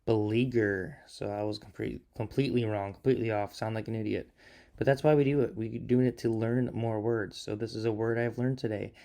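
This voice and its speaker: A man's voice: on the low side, steady tone, brisk, creaky, mellow. A man hosting his own podcast, talking loosely in a casual solo monologue with a lot of filler words. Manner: loose and rambling, many fillers. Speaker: podcast host.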